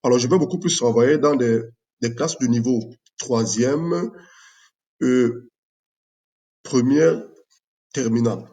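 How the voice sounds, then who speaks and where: A Cameroonian math teacher presents his own project in an unscripted video, speaking in a measured way with many fillers. His voice is mid-range and mellow.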